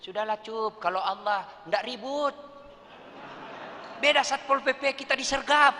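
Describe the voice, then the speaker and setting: A woman's voice: high voice, unhurried, bright, forceful tone, long reverb tail, a little hiss or hum, pitched above the performer's own voice. A man putting on a coaxing seductive noblewoman. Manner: coaxing, wheedling, pet-name calling. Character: scheming seductive noblewoman, coaxing then shrill.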